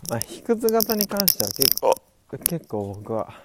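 A man of twenty-five, very drunk, rambling haltingly through a casual solo podcast, repeating and restarting his words. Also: a little high, sing-song. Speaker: podcast host. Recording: clearly noisy recording with clicks.

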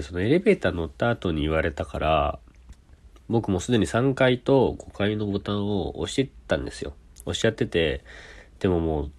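Low husky man telling an animated story. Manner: animated, acts out quoted voices. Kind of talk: casual anecdote.

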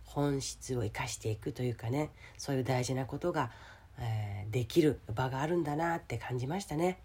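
A woman with a hoarse, gravelly voice gives a casual motivational solo talk as a radio host, speaking directly to the listener. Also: extremely low pitch, fairly quick. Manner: addresses the listener directly with questions and soft sentence-ending particles. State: hoarse today.

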